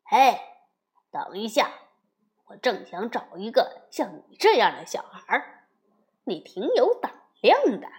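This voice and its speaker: A swaggering bully boy bear, as a woman puts him on, loud, mocking and full of taunts. His voice swings up and down as he jeers in a children's storybook. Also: fairly high pitch, huge pitch swings, measured pace, long pauses. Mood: sneering.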